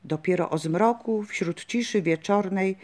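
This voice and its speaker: A woman reading a folk legend aloud in a calm, measured way. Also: medium pitch.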